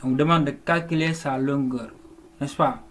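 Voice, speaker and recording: A man's voice: mid-range voice, fairly even intonation, moderate pace. A man teaching a lesson, working patiently through an exercise step by step, often restarting words and checking that students follow. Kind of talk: classroom lesson walkthrough. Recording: faint background noise.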